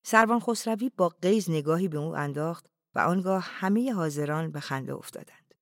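A narrator reading a novel aloud in a calm, even, often hushed way. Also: mid-range voice, no room sound, studio quality.

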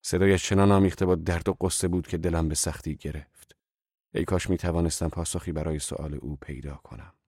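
A man narrating a literary novel in a measured, reflective reading. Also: low-pitched, fairly even intonation, a little mellow, no room sound, clean studio sound. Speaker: audiobook narrator.

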